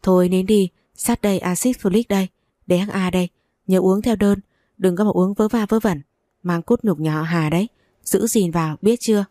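A woman's voice: mid-range voice, normal speed, warm tone, dry recording, clean studio sound, natural voice. A woman voicing a caring but bossy older woman who scolds and fusses over a young woman in an audio story. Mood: scolding. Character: brisk caring older woman, future mother-in-law.

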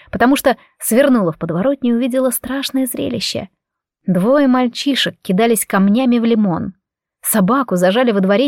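A woman reading a first-person audiobook story in an expressive, emotional way. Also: fairly high pitch, no echo, clean studio sound. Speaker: audiobook narrator.

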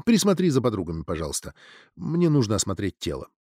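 A man's voice: on the low side, huge pitch swings, quick pace, warm tone, breathy edge, no echo, voice pushed down, heavily acted. A man voicing a composed, stern male doctor who speaks in a dry, official tone. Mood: calm, dry.

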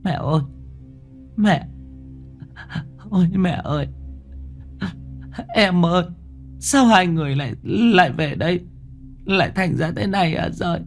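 A man voicing a grieving middle-aged woman, high, tearful and pleading. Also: measured pace, long pauses, soft background music.

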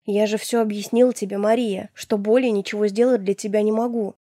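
A woman reading an audiobook, voicing a young nobleman who is a calm, evasive womanizer. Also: mid-range voice, brisk, no room sound, studio quality, natural voice. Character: young male nobleman, smooth cold womanizer. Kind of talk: audiobook character voice.

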